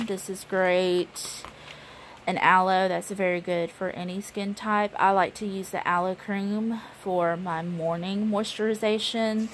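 A woman's voice: fairly low pitch, a little hiss or hum, low-quality recording. A woman, chatting casually through a show-and-tell vlog with lots of ums. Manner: chatty, relaxed, many ums. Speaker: beauty vlogger.

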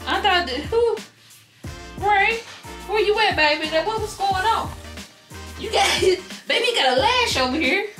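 A woman voicing a nosy, chatty old grandmother in a high, questioning voice. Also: roomy sound, exaggerated voice. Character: nosy old grandmother visiting, loud and gossipy. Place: indoors in a house.

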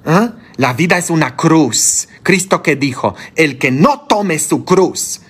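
Blunt, slow-preaching priest. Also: male voice, lively intonation, fairly bright tone, breathy edge. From Poland. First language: Polish. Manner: blunt, scolding, rhetorical questions, sudden high outbursts. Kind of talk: sermon.

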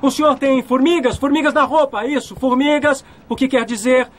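A man dubbing an earnest young groom in a film, guessing quickly and excitedly. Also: extremely high pitch. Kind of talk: dubbed film acting.

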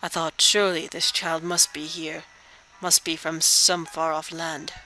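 A woman voicing an old, wise, kindly male frog sage from a video game, speaking in measured, formal phrases. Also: sits low, little pitch movement, pushed and bright, slight background noise, rough recording. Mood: grave, patient. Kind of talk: video game dialogue read aloud.

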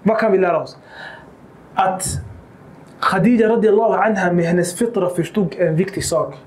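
A man giving a religious lecture, animated and acting out quoted dialogue, with Arabic quotations mixed in. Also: high-pitched, echoey room. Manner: mixes Arabic quotations into Swedish. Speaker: Islamic lecturer. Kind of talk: lecture on the life of the Prophet.

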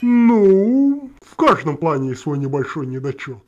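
A man's voice: on the high side, sing-song, a little slow, lo-fi sound. A man voicing a self-satisfied young cat scientist, explaining formally and pompously in a noisy parody cartoon. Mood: smug, matter-of-fact. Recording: noisy home-made cartoon soundtrack.

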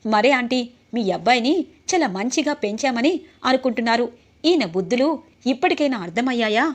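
A woman reading the lines of a sharp-tongued, mocking young wife. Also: on the high side, animated, a little fast, natural voice.

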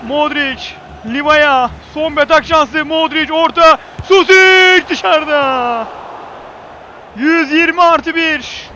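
A man giving live football commentary in clipped phrases, repeating player names emphatically and shouting excitedly at key moments. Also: very high voice, dull audio, background noise.

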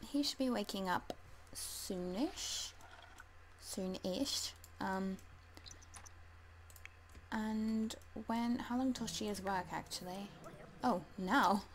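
A woman talks through her life-sim session at an unhurried pace, pausing often with ums and scolding her characters. Her pitch sits at an ordinary middle height. Faint room hum and soft mouse clicking sit behind her voice. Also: rough recording. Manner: chatty, hesitant with many ums, talks to the game figures. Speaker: let's play gamer. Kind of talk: casual gameplay commentary.

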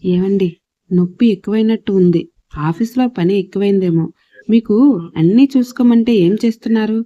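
A woman's voice: mid-range voice, moderate pace, warm tone, no echo, lightly acted. A woman narrator voicing a reproachful middle-aged mother, on a dull lo-fi recording.

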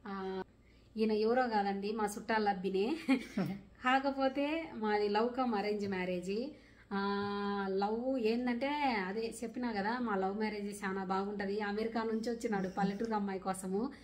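Answering her viewers' questions in a relaxed vlog, a young Rayalaseema woman uses her home region's Telugu accent and an earnest, rustic village dialect, plainly standing up for herself. She speaks at a moderate pace in a medium-pitched, slightly mellow voice.

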